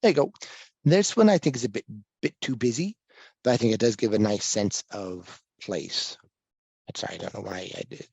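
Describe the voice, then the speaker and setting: A man from Kansas giving a relaxed slide talk to a live audience on a microphone that pops, thinking aloud with small restarts. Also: on the low side, moderate pace, vocal fry, husky, no echo. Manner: easygoing and self-deprecating, thinking aloud with restarts. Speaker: guest presenter at a photography talk. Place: library meeting room. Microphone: handheld or stand microphone with popping plosives.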